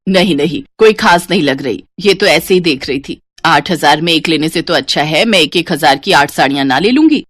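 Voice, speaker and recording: A woman voicing a sharp-tongued middle-aged mother who scolds her daughter in a lower voice. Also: animated, a little fast, hardly any pauses, no room sound. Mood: scolding. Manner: nagging, scolding.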